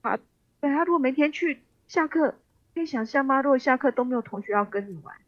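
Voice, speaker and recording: A woman's voice: high voice, animated, quick pace, dull audio. A woman with a Taiwanese accent speaking as an expert guest in a radio interview, explaining things conversationally with empathy and the odd English word. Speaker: expert guest, special education professor.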